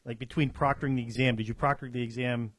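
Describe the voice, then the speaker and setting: A man co-hosting a radio show asks teasing, halting questions. He speaks quietly at a middle pitch. The sound is dry and close. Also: fairly even intonation, no echo. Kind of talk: casual radio talk.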